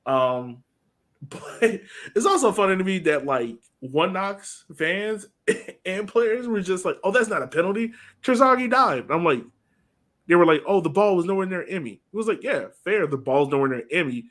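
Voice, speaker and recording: Animated and fairly bright, this man's high voice moves at a moderate pace as he co-hosts a soccer podcast, keeping the sports chat casual and conversational.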